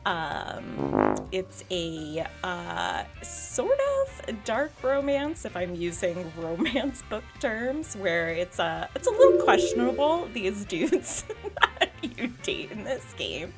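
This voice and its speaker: Giggly sarcastic woman streamer, lively pitch. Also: drawn-out words, creaky, soft background music. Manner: giggly and sarcastic, reading game text aloud. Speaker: streamer playing a dating sim. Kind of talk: casual let's-play commentary.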